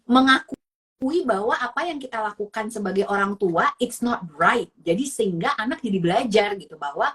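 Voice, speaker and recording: A woman's voice: medium pitch, expressive, moderate pace, fairly bright tone, breathy edge. A woman with an Indonesian accent giving casual parenting advice as a psychologist, mixing English phrases in and acting out parent and child lines.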